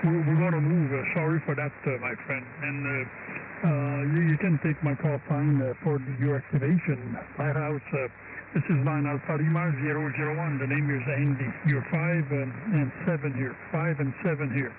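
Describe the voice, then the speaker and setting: A native French speaker from Quebec, Canada, with a Québécois accent, chats casually as an amateur radio operator. His slightly high voice holds a steady tone and moderate pace, heard as a CB or ham radio transmission over a narrow-band signal with loud static.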